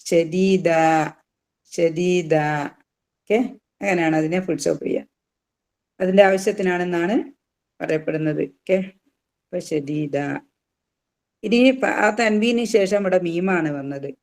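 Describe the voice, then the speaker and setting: Tajweed teacher, patient explanations, slow drawn-out recitation, repeats each term. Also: mid-range voice, vocal fry. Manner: explains rules, then recites words slowly and drawn out; repeats words and terms to drill them. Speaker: Quran teacher. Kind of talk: tajweed lesson.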